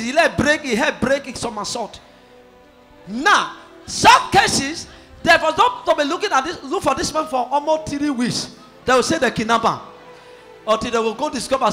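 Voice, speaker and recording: A man preaching in a very high, bright voice, shouting emphatic lines to a responding congregation. Music runs under his voice. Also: animated, moderate pace. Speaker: pastor. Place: church hall with congregation. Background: music and loud congregation.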